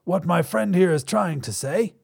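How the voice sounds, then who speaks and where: A man voicing an impatient, fast-talking male alien who explains a rescue in a brisk, salesman-like way. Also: high voice, expressive, vocal fry, a little mellow, slightly rough, pitched above the performer's own voice, exaggerated voice. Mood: brisk, explaining.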